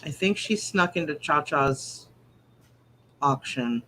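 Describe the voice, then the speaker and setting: A woman's voice: low voice, animated, slow pace, pushed and bright. A woman co-hosting a live show in casual chat, with a teasing, correcting manner. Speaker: live online show co-host. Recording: clear background noise.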